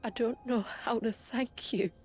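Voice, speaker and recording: A woman's voice: a little high, fairly even intonation, measured pace, darkish tone, close to an everyday voice. An actress playing a caring, emotional young woman companion in a video game. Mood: grateful. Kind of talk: dramatic video game acting. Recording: prominent background music.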